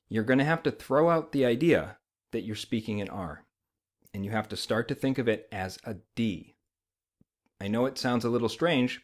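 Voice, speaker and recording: A man with an American accent explaining as a language teacher, conversational and often checking that the learner follows. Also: lowish voice. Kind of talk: informal instructional explanation.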